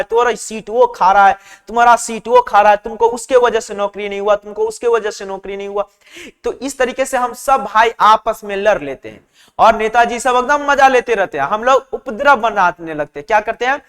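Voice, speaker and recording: Male vocab tutor, chatty drill style, echoing hall sound. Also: very high-pitched. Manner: repetitive call-and-response drilling; warm and chatty with students. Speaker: vocabulary teacher. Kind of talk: exam-prep vocabulary lesson.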